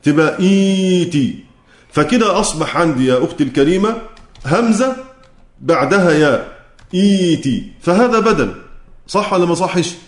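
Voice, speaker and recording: Egyptian guy teaching quran reading rules, kinda high voice, asks and answers his own questions, echoey room. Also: expressive. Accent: Egyptian Arabic. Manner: explains by asking and answering himself, chants quoted verses slowly. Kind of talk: teaching a lesson on recitation rules.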